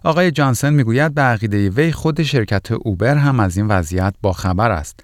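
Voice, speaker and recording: A man's voice: mid-range voice, animated, no echo, clean studio sound. A man presenting scripted news items as a podcast news reader.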